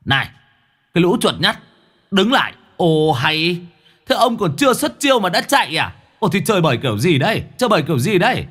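A man voicing a brash, foul-mouthed male demon sidekick who taunts loudly and whines when struck. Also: high voice, big pitch swings, a little slow, voice pushed up, full character voice. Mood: taunting.

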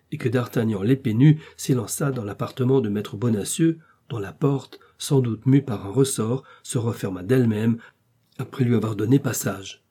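Mellow-voiced male audiobook narrator. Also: mid-range voice, husky. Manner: measured, steady storytelling. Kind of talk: scripted literary narration.

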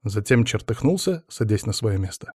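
A man narrating a first-person audiobook story in an even manner. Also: on the low side, normal speed, husky, no echo, clean studio sound.

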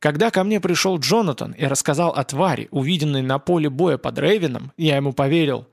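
Gravelly, blunt, commanding veteran priest in his fifties, voiced by the man who narrates, dry close sound. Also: on the high side, fairly quick, dry recording. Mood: grim. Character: gruff older male priest, war veteran.

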